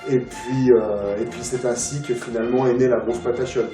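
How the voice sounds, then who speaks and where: A man's voice: medium pitch, fairly even intonation, moderate pace, mellow. A man speaking as an interview guest in a casual chat, rambling with many filler sounds and restarts. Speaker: interview guest, film collector. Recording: roomy, distant mic, music behind.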